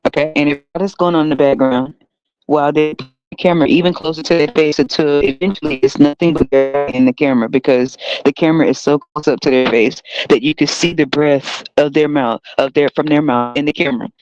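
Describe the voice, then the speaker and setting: A man's voice: a little high, steady tone, brisk, music in the background. A man hosting a solo podcast, talking in a heavily sarcastic, mocking way and often laughing. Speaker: podcast host. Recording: dull lo-fi dry recording.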